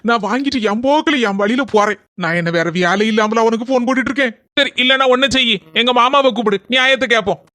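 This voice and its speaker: A man voicing a fussy young man who complains on the phone with a Kanyakumari Tamil accent, whiny and rapid. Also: extremely high pitch, pushed and bright, no echo. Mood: complaining. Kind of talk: cartoon voice acting.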